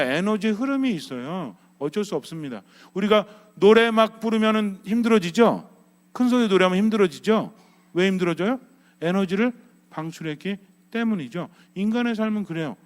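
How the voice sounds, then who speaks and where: High-voiced priest preaching in a reverberant hall. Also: male voice. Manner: asks the congregation questions and acts out everyday quarrels. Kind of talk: lively sermon.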